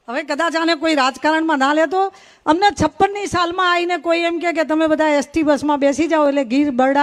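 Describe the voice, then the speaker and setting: Middle-aged woman, high voice, folksy humorous speaker at a village stage. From North Gujarat. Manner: folksy storytelling with rhythmic rhyming phrases. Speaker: invited speaker at a folk gathering. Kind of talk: humorous public speech.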